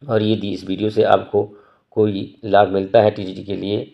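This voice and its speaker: A man teaching an exam prep lesson, reading each question slowly and then explaining it quickly. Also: on the low side, flat delivery, gravelly, dull audio. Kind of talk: quiz walkthrough lesson.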